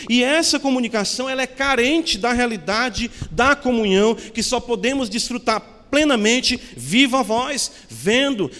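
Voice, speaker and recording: A man's voice: extremely high pitch, fairly bright tone, long reverb tail. A male pastor preaching a sermon in an earnest teaching tone, often asking his listeners questions.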